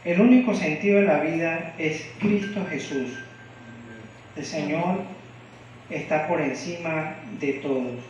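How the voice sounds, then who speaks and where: A man's voice: fairly high pitch, slow, a little mellow, slight background noise. A man from Venezuela preaching a devotional sermon in a church, often asking the congregation questions. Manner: asks the congregation frequent questions. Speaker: lay preacher. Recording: echoey room, distant mic, dull sound.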